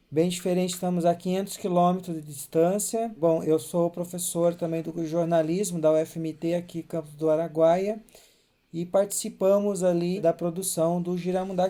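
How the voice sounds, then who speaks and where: A man who is a filmmaker and journalism professor, calmly explaining his documentary on a commentary track. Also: sits high. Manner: calm, explanatory, with frequent "né".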